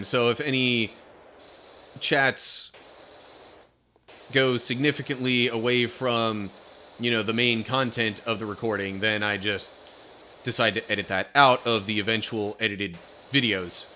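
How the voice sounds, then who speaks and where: Young guy streamer, bright and tense tone, loose rambling storyteller who reads chat aloud. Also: lowish voice, fairly even intonation, a little slow, slight background noise. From Pennsylvania. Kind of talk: casual live-stream chat.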